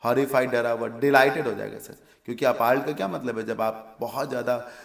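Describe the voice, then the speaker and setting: Gravelly Indian male English teacher. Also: mid-range voice, steady tone, a little fast, roomy sound. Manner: explains word meanings step by step, asks and answers his own questions. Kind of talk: exam vocabulary lesson.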